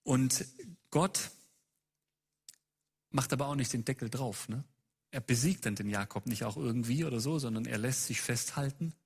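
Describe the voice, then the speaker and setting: A man's voice: medium pitch, normal speed, gravelly, pauses often, husky. A man preaching a sermon who presses his listeners with a long run of urgent rhetorical questions.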